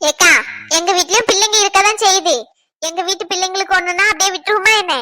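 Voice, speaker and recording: A woman voicing a bright, soothing young neighbor. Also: very high voice, steady tone, fast talker, no echo. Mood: reassuring. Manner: soothing, reassuring. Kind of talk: Tamil cartoon dubbing.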